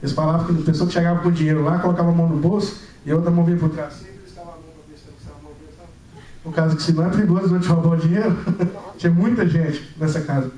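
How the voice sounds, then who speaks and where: Young male preacher, quick and high-pitched, animated testimony, echoey church sound from a distance. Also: muffled recording. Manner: animated storytelling, acting out dialogue. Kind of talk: sermon with personal testimony.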